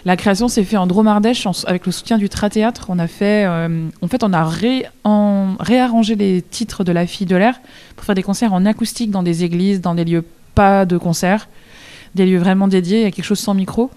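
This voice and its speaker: A woman's voice: mid-range voice, a little fast, mellow, smooth. A woman musician being interviewed on the radio, talking chattily and enthusiastically, with frequent restarts and easy laughter. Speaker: musician guest.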